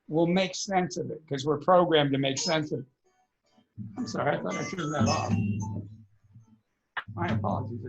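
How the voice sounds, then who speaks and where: A man's voice: a little high, lo-fi sound. A man, a podcast guest, earnestly explaining energy work in a conversational interview, often repeating words as he thinks.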